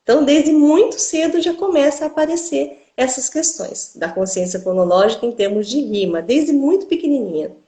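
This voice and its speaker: A woman's voice: high voice, animated, normal speed, few pauses, dark tone, reverberant. Didactic Brazilian woman speech therapist. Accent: Brazilian Portuguese. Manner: didactic, often ends phrases with "né?". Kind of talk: explanatory interview talk.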